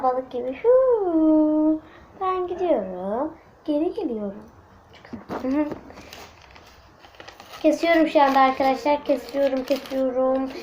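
High-pitched young girl chatting to her viewers at home, all excited, bit of faint noise. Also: rough recording. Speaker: vlogger. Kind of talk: casual home vlog. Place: at home indoors.

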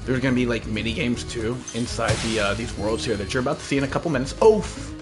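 A man in his thirties streams a game, offering casual, slangy, rambling commentary. His medium-pitched voice keeps a steady tone while he talks fast, and game music plays behind him.

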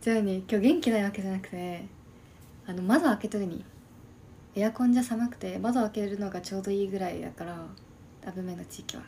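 Woman in her early 20s, casual live-stream chat, soft half-whispered delivery, mellow tone, streaming from home. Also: medium pitch, fast talker, slight background noise. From Shimane, Japan. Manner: soft, quiet, often half-whispered talk. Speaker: livestream host. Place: at home by an open window.

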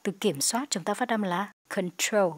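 A woman with a Vietnamese accent teaching an English lesson, explaining in Vietnamese and reading English example sentences slowly and clearly. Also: medium pitch, no room sound. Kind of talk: language lesson narration.

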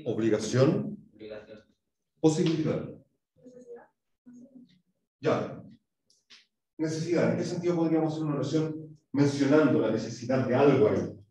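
Chilean male teacher, lively voice, questioning, drilling pronunciation, echoey classroom. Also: mid-range voice, unhurried, pauses often. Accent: Chilean Spanish. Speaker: English teacher. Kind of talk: classroom lesson. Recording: echoey room, mic far off.

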